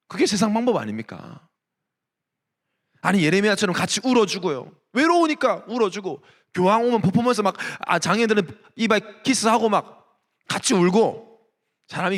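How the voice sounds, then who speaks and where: A man's voice: high voice, long reverb tail. A male pastor preaching a sermon to young adults, telling stories and firing off rhetorical questions. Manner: animated storytelling with rhetorical questions. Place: church sanctuary.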